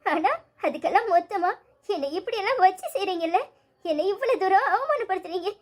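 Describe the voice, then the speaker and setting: A woman voices a hurt, pleading young wife in a cartoon story, her pitch very high and thin. Wounded and insistent, she keeps pressing her husband with reproachful questions, speaking briskly with lively intonation over lo-fi sound.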